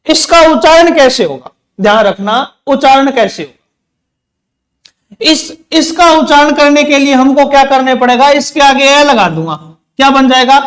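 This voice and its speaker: A man's voice: very high voice, a bit bright. A man teaching an exam-prep grammar lesson, repeating key terms and asking questions back to his students. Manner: says terms slowly, one by one.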